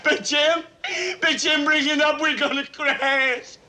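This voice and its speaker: A man's voice: very high voice, animated, takes it slowly, bright, forceful tone, full character voice. An actor playing a young man, a traumatized airman reliving a crash in a 1960s film, frantic, pleading and sobbing. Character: panicked young male bomber airman in a flashback.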